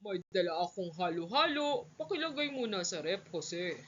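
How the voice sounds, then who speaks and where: A woman voicing a kind father who gives gentle instructions in a read-aloud story for children, in a dull lo-fi recording. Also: mid-range voice, big pitch swings, moderate pace, slight background noise, lightly acted. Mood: fatherly. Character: kind fatherly dad Mang Ferdy. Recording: dull lo-fi sound.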